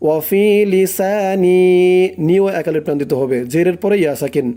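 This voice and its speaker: Speaking fast in a mellow, fairly high voice, a man teaches a recitation lesson. He breaks words into syllables, draws out the recited phrases, and has listeners repeat after him.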